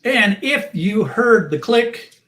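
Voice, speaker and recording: A man's voice: sits high, lively intonation, slow pace, fairly bright tone. A middle-aged man hosting a casual livestream chat, rambling and friendly, with many fillers and restarts. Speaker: host.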